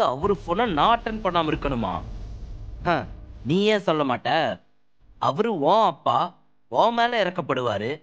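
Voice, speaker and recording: A man playing a hot-tempered young man who scolds his friend loudly and in exasperation, but cares, with music in the background. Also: on the high side, highs cut off, close to an everyday voice. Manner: loud, exasperated, rapid-fire scolding. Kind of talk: audiobook drama acting.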